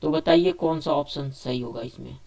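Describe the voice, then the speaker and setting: A man's voice: mid-range voice, normal speed, gravelly, a little mellow. A male teacher running a spoken exam quiz lesson. He reads each question, asks it aloud and answers it himself, restating the options again and again. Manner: repetitive, restates options several times.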